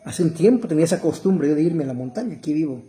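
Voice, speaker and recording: A middle-aged man preaching a fervent sermon, calling listeners brother and rising to loud cries. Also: on the high side, expressive, quick pace. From El Salvador.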